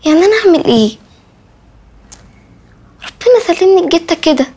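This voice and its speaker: A cheeky, sharp-tongued Egyptian little sister with a high voice. She talks fast and whines and teases her brother in turn. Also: sing-song. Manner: whiny, cheeky teasing. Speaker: actress. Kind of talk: TV drama acting.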